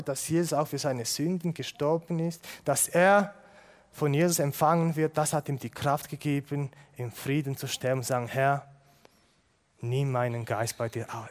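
A man delivers a sermon with earnest conviction. His voice sits a little high for a man. He swings from loud, pressing emphasis down to hushed, intense asides. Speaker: preacher.

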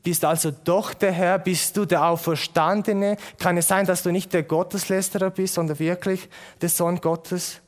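A man's voice: sits high, fairly even intonation, moderate pace, natural voice. A male preacher voicing Saulus as a stunned, fearful man asking hesitant, searching questions. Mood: anxious.

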